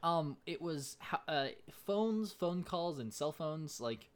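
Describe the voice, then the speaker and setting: A man's voice: a little high, lively intonation, takes it slowly, clear, resonant tone. A man co-hosting a casual podcast. He talks hesitantly, with many fillers and restarts. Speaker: podcast co-host.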